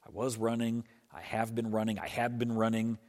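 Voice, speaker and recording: A man's voice: on the low side, level tone, normal speed, darkish tone. A man preaching a conversational sermon as pastor, explaining things patiently and often restarting his phrases. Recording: reverberant hall sound.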